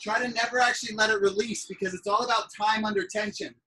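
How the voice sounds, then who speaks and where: Quick, bright and forceful, this woman's mid-range voice carries fairly even intonation as she instructs a fitness class on a live group video call. She counts people down and cheers them on with upbeat encouragement, often getting loud, from an indoor room. Her device sits back from the exerciser, so the sound is distant.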